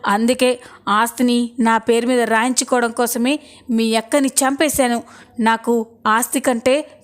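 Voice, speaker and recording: A greedy, scheming husband turns villain in this storybook retelling, harsh and threatening when he drops his act, read by a woman in her own voice. The voice sits high and light throughout. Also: steady tone, a little slow, natural voice. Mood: menacing.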